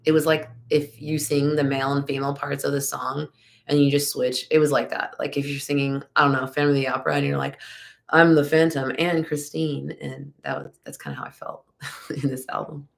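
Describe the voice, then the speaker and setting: A young woman with a low, gravelly voice answers fan questions live, rambling between ums. She is congested and has a slight lisp. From Texas. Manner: chatty, rambling, many ums. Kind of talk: casual live Q&A chat.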